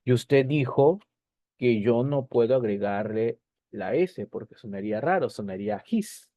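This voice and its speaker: A man's voice: mid-range voice, expressive, moderate pace, mellow, dry recording, natural voice. A man playing a curious student with a question. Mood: puzzled. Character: curious student asking the teacher. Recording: dull lo-fi recording.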